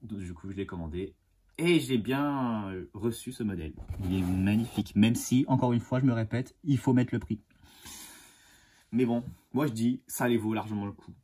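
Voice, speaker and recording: Husky, enthusiastic man collector. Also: fairly low pitch, mellow. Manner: enthusiastic and halting, with many fillers and restarts. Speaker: die-cast model car collector and channel host. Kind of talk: casual unboxing vlog.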